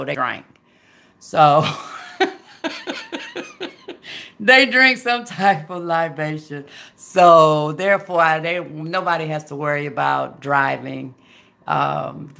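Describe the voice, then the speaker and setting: Speaking low with a creaky yet bright and forceful sound, this Southern-accented woman from Memphis, USA, in her fifties, talks casually to livestream viewers. She keeps it folksy, addressing them as "girl" and "baby."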